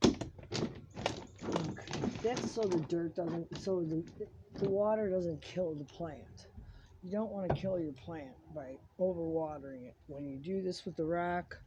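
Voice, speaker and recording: Rambly gardener chatting while repotting, mid pitch, noisy phone video with clicks. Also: unhurried, highs cut off. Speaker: home gardening vlogger. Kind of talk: casual hands-on demonstration.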